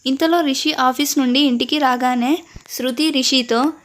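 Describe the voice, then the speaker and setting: A woman's voice: high voice, steady tone, normal speed, fairly bright tone. A woman with a Telugu accent narrating a family story and reading each character's lines in her own voice.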